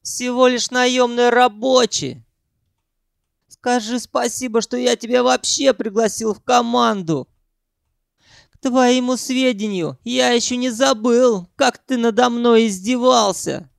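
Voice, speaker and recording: A man doing a shrill, pompous pop singer. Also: fairly even intonation, gravelly, clear, resonant tone, dry recording, clean studio sound, full character voice. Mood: indignant. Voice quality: high, whiny and shrill. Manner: haughty, quick to shout and threaten. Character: pompous, squeaky male pop singer, self-important and touchy.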